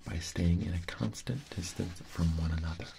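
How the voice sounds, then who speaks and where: A man giving a soft, unhurried ASMR book reading, his voice layered with a doubled whispered track. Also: low-pitched. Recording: clear background noise with clicks.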